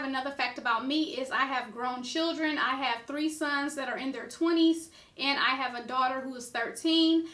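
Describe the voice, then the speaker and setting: A woman's voice: high-pitched, pushed and bright, roomy sound. A middle-aged American woman vlogging, chatting casually to the camera with lots of "you know" and "like". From United States.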